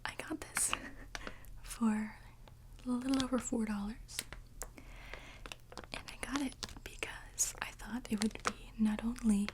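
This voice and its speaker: A woman hosting an ASMR video, chatting to viewers in a soft, breathy whisper with hesitant pauses between short phrases. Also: a little high, fairly even intonation, noisy background.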